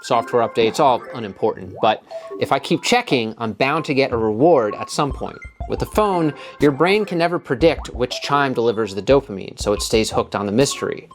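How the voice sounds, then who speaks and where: Man, design video host, scripted narration, lively intonation, punchy explanatory delivery, faint music behind. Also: medium pitch.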